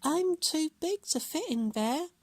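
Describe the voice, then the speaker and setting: A man reading a storybook aloud and voicing a quick-witted little girl who cries out in a high voice. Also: expressive, dry recording. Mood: wary.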